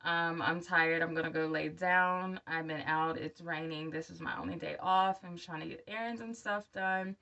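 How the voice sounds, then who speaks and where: A woman's voice: fairly low pitch, steady tone, normal speed, creaky, hardly any pauses, bright, forceful tone, muffled recording. A woman in her thirties who is a new denture wearer, talking candidly and encouragingly to viewers in a casual personal video update. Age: 30s. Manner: candid, encouraging direct address. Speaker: vlogger. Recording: voice somewhat far from the mic.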